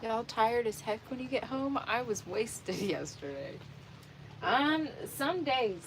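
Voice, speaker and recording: A woman talks at a relaxed, unhurried pace while fishing from a boat on a lake. Her chat is casual and easygoing, she laughs easily and reads viewer comments out loud, with faint outdoor ambience behind her. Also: on the high side, a little hiss or hum, poor audio. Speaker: fishing vlogger.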